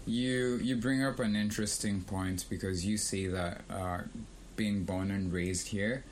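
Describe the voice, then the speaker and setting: A young man who grew up in Kenya, co-hosting a casual discussion and speaking in a thoughtful, measured way with pauses. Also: fairly low pitch, fairly even intonation, slight background noise. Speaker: podcast co-host.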